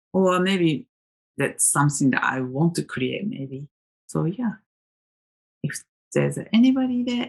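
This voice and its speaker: A woman's voice: sits low, creaky. A woman from Japan, a native Japanese speaker, rambling casually and reflectively about tarot in a vlog. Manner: chatty and reflective, many fillers and restarts. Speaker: tarot vlogger.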